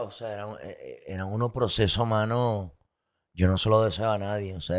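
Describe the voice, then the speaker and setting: A man telling his personal story as a guest, candid and emotional, with vivid sound effects and repetition. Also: fairly low pitch.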